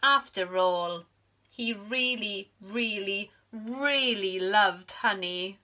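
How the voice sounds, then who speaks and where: A woman reading a children's story aloud like a primary school teacher, with expressive, dramatic emphasis. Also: medium pitch, drawn-out words. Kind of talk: animated storybook narration for young children.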